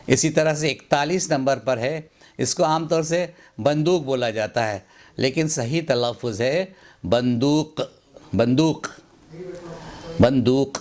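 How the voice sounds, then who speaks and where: Slow, deliberate male pronunciation teacher. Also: mid-range voice. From India. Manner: slow, deliberate, repeats words for emphasis. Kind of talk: pronunciation lesson.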